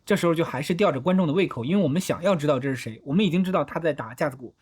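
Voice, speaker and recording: A man's voice: fairly high pitch, very fast, a little mellow, slightly rough. A man hosting a film analysis video, talking through each shot step by step in a methodical, explanatory way. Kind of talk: explanatory film breakdown narration.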